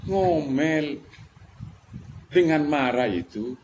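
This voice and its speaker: Slow, emphatic preacher man. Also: on the high side, animated, a little mellow. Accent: Madurese-Javanese Indonesian. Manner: emphatic, rhetorical questions, mixes colloquial words. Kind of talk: religious lecture. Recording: faint background noise.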